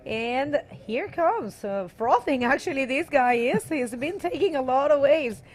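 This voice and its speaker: A woman calling a surf contest live, her voice a little high. She talks casually, pauses often and fills the gaps with ums and uhs. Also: lively intonation. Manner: casual, hesitant, with many fillers. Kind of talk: live sports commentary.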